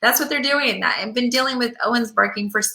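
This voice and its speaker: Pet healer lady chatting away, bright voice, rambly stories, echoey room. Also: fairly high pitch, fast. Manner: rambling storytelling with quoted asides. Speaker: pet healer and show host. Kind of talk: casual chat to viewers.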